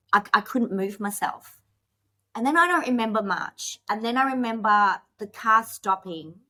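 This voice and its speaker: Bright-voiced woman telling her story. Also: mid-range voice. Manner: tells her story in a rush, with many "like"s and restarts; emotional at moments. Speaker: podcast guest. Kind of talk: personal storytelling in a podcast interview.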